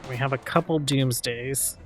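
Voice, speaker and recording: A man's voice: mid-range voice, a little slow, background noise. Man casually narrating a strategy game. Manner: relaxed thinking aloud with fillers. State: hiccups. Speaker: gaming channel host. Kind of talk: let's play commentary.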